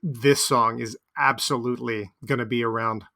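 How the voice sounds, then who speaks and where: A man co-hosting a podcast, talking about an album in a relaxed, conversational way with plenty of fillers. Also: mid-range voice, normal speed, vocal fry. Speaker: podcast co-host. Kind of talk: casual music chat.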